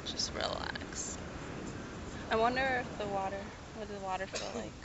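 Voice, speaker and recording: Young woman from the US East Coast, casual beach vlog; chatty and relaxed, talking to a handheld cam, heavy wind and surf noise. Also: mid-range voice, moderate pace. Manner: chatty, easygoing, trails off with "I don't know". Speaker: vlogger. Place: sunny outdoor beach. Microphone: handheld camera at arm's length.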